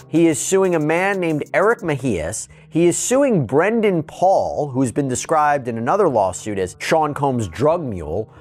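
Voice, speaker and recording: A man giving legal news commentary, part read and part in his own words. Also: medium pitch. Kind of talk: news commentary with scripted quotes.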